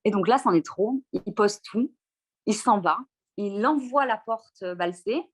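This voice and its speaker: A French-speaking woman tells her own story in a spoken testimony, halting often and restarting her sentences. Her voice sits at a middle pitch for a woman. She tells it in a plain, personal way. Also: slightly rough. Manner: hesitant, many fillers and restarts, emotional retelling. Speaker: interviewee sharing a personal experience.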